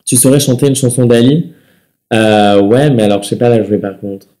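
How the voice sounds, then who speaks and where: A young man with a slightly stuffy nose, hosting a live webcam chat from his living room and answering viewer comments in a soft, relaxed way. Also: medium pitch, normal speed. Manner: soft-spoken and relaxed, sings between replies. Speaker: livestream host. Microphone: webcam mic.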